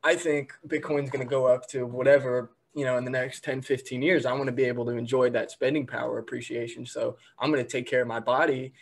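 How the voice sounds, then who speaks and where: A man's voice: medium pitch, little pitch movement, fast, few pauses, breathy edge. A nineteen-year-old man, a guest on a video-call interview, talking earnestly and restarting words as he thinks. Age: teens.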